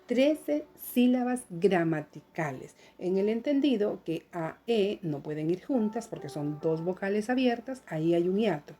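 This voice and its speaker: A woman teacher giving a recorded lesson, explaining step by step in a slow, patient way and speaking to students at home. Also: medium pitch, lively intonation, warm tone, a little hiss or hum.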